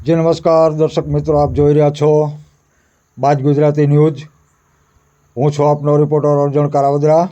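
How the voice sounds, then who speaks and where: A high-pitched man with a Gujarati accent reports the local news in a formal, announcing manner. His voice is mellow yet smooth and resonant. The recording sounds dull and lo-fi. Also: level tone, a little fast, pauses often.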